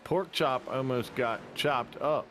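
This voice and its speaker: Guy doing laid back race commentary, jokes around a lot, mid-pitched voice, gets fired up when the racing heats up. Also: slight background noise. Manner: chatty and jokey, with quick bursts of excitement. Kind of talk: casual play-by-play commentary.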